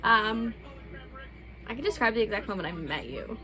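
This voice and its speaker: A woman's voice: a little high, lively intonation, normal speed. A young adult woman hosting a casual couple's Q&A vlog, chatting candidly with loose, profane phrasing. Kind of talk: casual chat.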